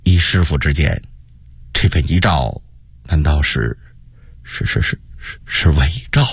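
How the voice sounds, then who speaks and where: A man's voice: deep voice, sing-song, moderate pace, slightly rough, no echo, full character voice. A man voicing a proud, cautious middle-aged prince who speaks in an indignant, sometimes stammering way. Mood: shaken.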